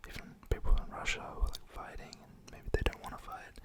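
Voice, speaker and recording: A man doing a rambling, casual ASMR chat in a soft, breathy whisper close to the mic, with a gentle, informal, reassuring manner. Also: a little fast. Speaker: ASMR creator.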